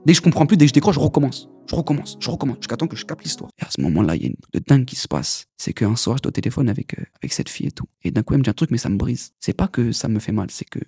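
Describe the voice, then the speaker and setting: A young man pours out his story in a rapid, headlong flow, his voice mellow and a little dark. He talks in loose street slang, repeating himself as he goes. Faint music sits under his voice. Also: mid-range voice, big pitch swings, creaky, breathy edge. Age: young adult. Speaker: guest giving a testimony. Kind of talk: casual spoken testimony.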